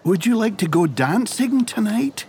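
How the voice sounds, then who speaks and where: An earnest young inventor. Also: male voice, sits high, animated, measured pace, darkish tone, husky, exaggerated voice. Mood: eager. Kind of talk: dubbed cartoon acting.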